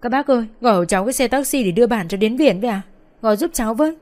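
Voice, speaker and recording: A woman's voice: medium pitch, a little fast, soft background music, pitched above the performer's own voice, lightly acted. A woman voicing a young woman who cries and begs bystanders for help. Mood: pleading, tearful. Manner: tearful, begging, shouting.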